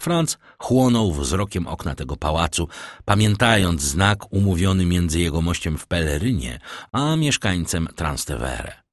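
A man narrating an audiobook in an expressive, measured storytelling manner, close to a studio microphone. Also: deep voice, no echo. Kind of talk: scripted narration.

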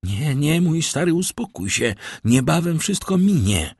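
A man voicing an urgent middle-aged male doctor who questions patients in a brisk way. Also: on the high side, big pitch swings, a little mellow, husky, no room sound, studio quality, pitched above the performer's own voice, heavily acted. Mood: soothing.

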